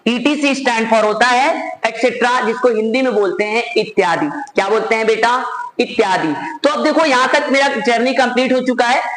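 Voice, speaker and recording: A high-voiced man with an Indian accent teaches a computer class, spelling things out slowly for students to copy. Between the dictation he drops into quicker, fatherly asides. The room is echoey, with a faint hiss of noise behind him. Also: fairly bright tone. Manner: slow word-by-word dictation mixed with quick Hindi asides, addresses students as beta. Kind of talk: classroom lecture, dictating notes. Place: classroom at a board.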